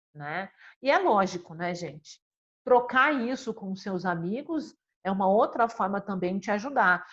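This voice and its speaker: A woman with a Brazilian accent speaks as a psychologist in an easygoing conversational talk. She is expressive and earnest and keeps tagging her phrases with little questions. Her mid-range voice comes through a slightly dull, lo-fi recording. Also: mid-range voice. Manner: constantly adds tag questions, expressive and earnest.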